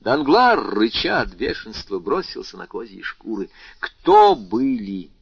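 A man narrating a classic novel as an audiobook in a measured, dramatic reading. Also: lowish voice, big pitch swings, creaky, fairly bright tone, husky, dry recording. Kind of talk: scripted literary narration. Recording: slightly muffled dry recording.

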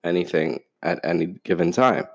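A man's voice: low voice, normal speed. A man chatting casually with his wife, mostly agreeing with short affirmations. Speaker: co-host, husband. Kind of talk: casual chat.

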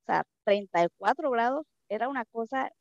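Speaking quickly and expressively in a gravelly voice, a Mexican woman with a Mexican Spanish accent tells a personal story during an interview. She is emotional and keeps repeating phrases for emphasis. The low-fidelity recording sounds dull and dry, with no echo.

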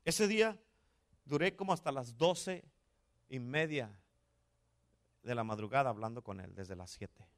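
A man, a pastor preaching a sermon and retelling a story, dropping to a hush and then surging upward on his exclamations. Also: medium pitch, expressive, unhurried, pauses often.

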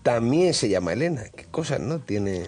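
A man's voice: mid-range voice, big pitch swings, moderate pace, a little mellow. A man hosting a radio travel show in casual studio chat, rambling and full of hesitations.

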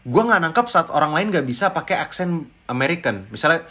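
A man, a guest chatting casually on a podcast, animated and switching between languages. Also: a little high, a little fast. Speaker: guest impressionist.

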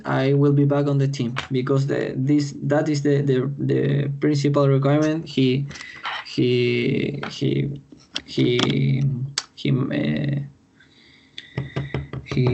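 A Chilean man speaking English with a Spanish accent, stopping and restarting often as he finds his words in an interview. His voice is gravelly and flat in tone, and the audio is dull and lo-fi. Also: mid-range voice, a little hiss or hum. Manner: halting, repeats words while searching in English. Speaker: footballer guest. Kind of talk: podcast interview answers.

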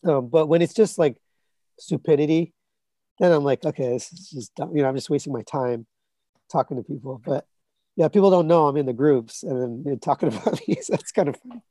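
Brisk and mellow, a man with a higher-leaning, scratchy voice chats on a podcast where he's a guest reviewing collectibles. He's in his 30s or 40s, rambles with lots of fillers and restarts, and the recording has no room sound.

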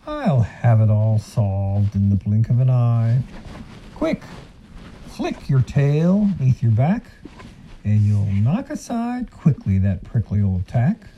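A man's voice: mid-range voice, sing-song, slow, muffled recording, a little hiss or hum. A man voicing a clever, boastful male fox in a rhyming storybook, confident and sing-song. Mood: reassuring.

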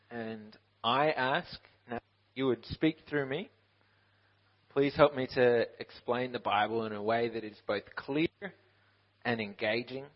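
Young man, from Ukraine, Bible college student, self-deprecating sermon, many restarts, slightly husky, muffled recording. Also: mid-range voice. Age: 20s. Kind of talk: interview then sermon. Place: church stage.

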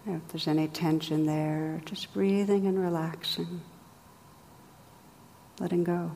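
A woman guides a meditation in a low, even, unhurried voice. She speaks softly and gently, leaving long pauses between phrases. A long reverb trails her words over a faint ambient hum. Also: creaky. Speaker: meditation teacher.

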